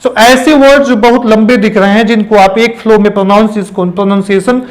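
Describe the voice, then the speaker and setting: A man with a high voice explains grammar as a teacher. He moves between Hindi and English and spells words out letter by letter. He keeps checking in with "okay" as he goes. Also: fairly even intonation, brisk. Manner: repeats phrases and says "okay" often. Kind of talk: classroom-style explanation.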